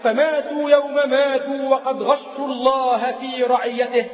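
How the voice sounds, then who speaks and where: A man's voice: very high voice, level tone, normal speed. A man preaching a sermon in a chanting, sing-song delivery, repeating key phrases. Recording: echoey lo-fi mosque recording.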